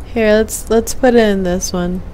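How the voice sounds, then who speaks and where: A young woman with a warm, medium-pitched voice talks a little slowly with fairly even intonation on a game stream. She rambles hesitantly, half muttering to herself into a gaming headset mic in a small room at home, with a little hiss or hum on the audio.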